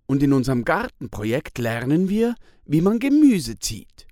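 A man voicing a curious, lively young schoolgirl in a storybook reading. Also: on the high side, normal speed, no room sound, studio quality, pitched above the performer's own voice.

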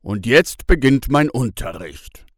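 A man reading a children's story, voicing a friendly, cheerful grown man in a warm, loud way. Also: medium pitch, big pitch swings, slow, slightly rough, no room sound, clean studio sound, exaggerated voice. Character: friendly adult man, cheerful monastery tenant.

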